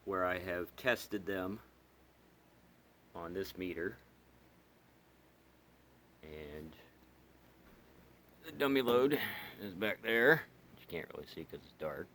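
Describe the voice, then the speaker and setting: A man's voice: low-pitched, expressive, takes it slowly, long pauses, a bit bright. A man giving a casual, unscripted hobbyist product demonstration, talking in a hesitant, rambling way. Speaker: hobbyist video host reviewing radios. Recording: clear background noise.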